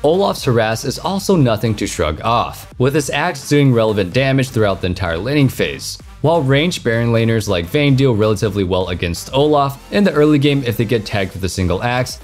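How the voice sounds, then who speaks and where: Guy doing top ten countdown voiceover for a gaming video, really lively pitch swings, music under it. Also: fairly quick, few pauses. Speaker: gaming channel host. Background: background music.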